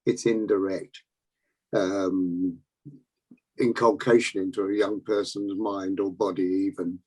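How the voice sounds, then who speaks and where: A man's voice: deep voice, level tone, takes it slowly, darkish tone, breathy edge, poor audio. An English man asking a question in an online meeting, hesitant and wordy. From England. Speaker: meeting participant.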